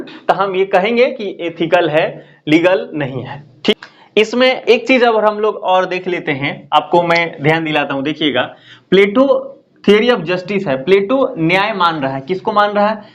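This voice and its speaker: A man's voice: high voice, muffled recording. A man teaching an exam-prep lecture. He explains step by step, repeats key terms and keeps checking in with "है ना?".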